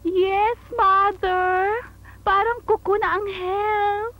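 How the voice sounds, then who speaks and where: An actress playing a vain, sassy niece in a broad film comedy, theatrical and full of exclamations. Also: female voice, extremely high pitch, animated, moderate pace, pushed and bright, full character voice. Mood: vain, whiny. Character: dramatic, sassy, vain young niece and schemer.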